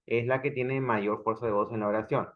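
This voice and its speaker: A man's voice: medium pitch, fairly even intonation, fairly quick, dull audio. A man from Peru teaching an online grammar class, explaining step by step and often checking with the students.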